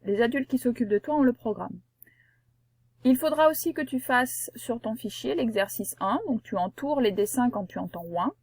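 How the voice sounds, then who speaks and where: A woman teacher giving a reading lesson to young children, patient and slow, spelling out sounds one by one. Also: fairly high pitch, lively intonation, darkish tone, slightly rough, no room sound, clean studio sound. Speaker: primary school teacher.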